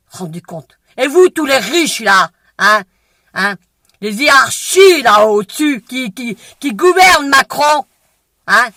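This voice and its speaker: High, bright-voiced woman ranting hotly. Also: no echo. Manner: heated, emphatic, peppered with "hein?"; breaks into shouts. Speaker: vlogger. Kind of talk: angry political rant to camera.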